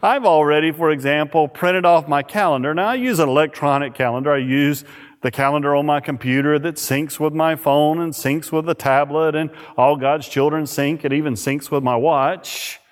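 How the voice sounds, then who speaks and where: A pastor preaching a sermon at a pulpit microphone in a church, reading scripture and praying in a measured, emphatic way. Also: male voice, fairly high pitch. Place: church sanctuary. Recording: reverberant church hall.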